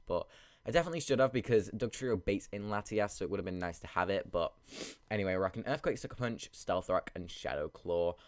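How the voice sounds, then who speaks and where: A low-voiced man commentating on a video game battle rambles casually and thinks aloud as he plays. He sounds sniffly and congested with a cold, and the recording is very dry, with little room sound.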